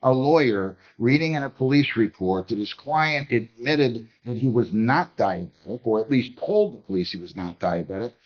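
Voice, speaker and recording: A man's voice: mid-range voice, lively intonation, normal speed, hardly any pauses, lo-fi sound. A man presiding as a judge in a courtroom hearing, stern and exasperated as he lectures counsel.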